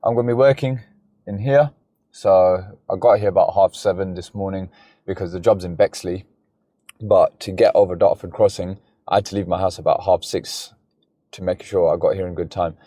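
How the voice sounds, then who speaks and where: This gas engineer has a warm, low voice, thickened by a cold and blocked nose. Holding his phone at a customer's home, he talks casually to the camera, explaining each stage of his work as he goes.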